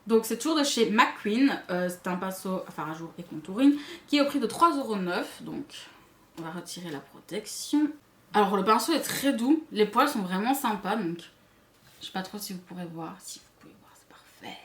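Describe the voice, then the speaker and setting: A woman's voice: mid-range voice, lively intonation, normal speed. A woman with a Belgian or Swiss French accent reviews makeup to camera in a chatty way, full of asides to her viewers. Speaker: beauty vlogger. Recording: echoey room.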